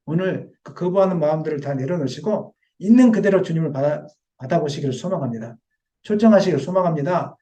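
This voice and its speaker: A man preaching a Sunday sermon as pastor, animated and rising, then dropping to quiet confession, and sometimes acting out the voices he quotes. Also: on the high side, fast talker. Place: church sanctuary.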